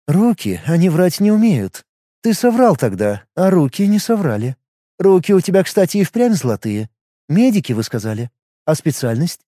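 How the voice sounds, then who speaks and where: A brisk, secretive healer woman who gives orders and keeps her own counsel, in an audiobook, voiced by a male narrator. The voice is pushed up high and moves lively and expressively, over a mellow, dark grain. The recording is close and dry. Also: no room sound. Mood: probing.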